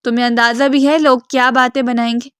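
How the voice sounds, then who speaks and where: A woman's voice: on the high side, level tone, a bit bright, clear, resonant tone, no room sound, studio quality, natural voice. Woman voicing a bitter, scolding sick man. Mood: bitter, angry. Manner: harsh, scolding. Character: angry sick divorced man, thirty-two, bitter.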